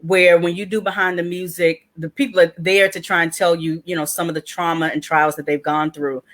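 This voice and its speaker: A woman's voice: on the low side, a little fast. A woman from Washington, D.C. hosting a casual panel chat, telling stories and acting out the quotes in them. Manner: animated storyteller, acts out quotes. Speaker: host.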